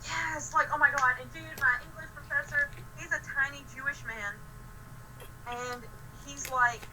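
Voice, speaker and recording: Very bright, excitable young woman. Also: high voice, normal speed, slight background noise, rough recording. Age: young adult. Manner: excitable, swears often, animated storytelling. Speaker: friend on a call. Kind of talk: casual chat. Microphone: phone.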